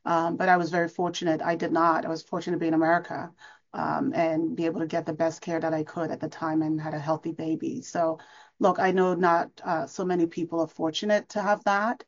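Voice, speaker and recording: A woman's voice: low voice, level tone, fairly quick, muffled recording. A woman from Cameroon, a foundation leader speaking earnestly in an interview, with fillers and restarts.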